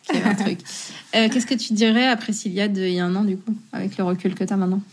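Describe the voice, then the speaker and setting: A woman's voice: mid-range voice, fairly even intonation, fast talker. A woman hosting a podcast interview, chatty and informal, with some casual swearing. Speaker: podcast host.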